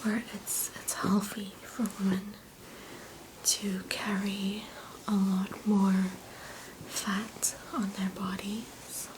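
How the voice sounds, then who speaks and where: A woman doing a whispered role-play as a spa massage host, speaking in a soft, soothing, gentle whisper. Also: mid-range voice, little pitch movement, drawn-out words, noisy background.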